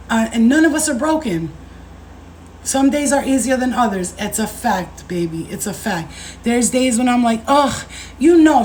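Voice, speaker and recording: A woman in her thirties chats on a casual livestream, her voice sitting a little high. She is animated and slangy, swears freely, and keeps calling her viewers babe and baby. Faint noise hums behind her. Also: poor audio. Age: 30s. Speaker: spiritual coach and livestream host.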